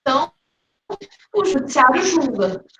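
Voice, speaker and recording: A woman teacher lecturing over an online video call whose audio keeps breaking up and glitching, her words slow and halting. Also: high voice, big pitch swings, roomy sound, noisy background. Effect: choppy, glitchy internet call audio cutting out. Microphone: computer mic on a video call.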